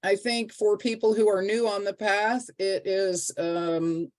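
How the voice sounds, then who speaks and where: A woman hosting an interview, speaking in an unhurried way with many fillers. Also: medium pitch, fairly even intonation. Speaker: host. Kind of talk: interview conversation.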